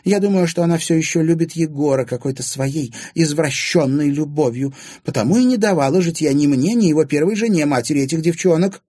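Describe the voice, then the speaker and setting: A man's voice: a little high, a little fast, few pauses, dark tone, no echo, clean studio sound, pitched above the performer's own voice, lightly acted. A man voicing a scheming, two-faced stepmother who was once an actress, shrieking and sneering. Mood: spiteful.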